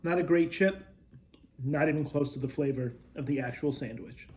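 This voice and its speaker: A man reviewing snacks as a video host, talking casually and chattily with pauses to taste and thoughtful hums. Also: fairly high pitch, a little mellow.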